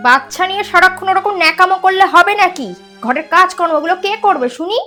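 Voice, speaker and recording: Lady doing a nagging mother-in-law, high voice, faint music under it. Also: fast talker, bright, forceful tone. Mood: scornful. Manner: scolding, bossy. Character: sharp-tongued middle-aged mother-in-law, doting on her own daughter. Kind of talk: sketch comedy acting.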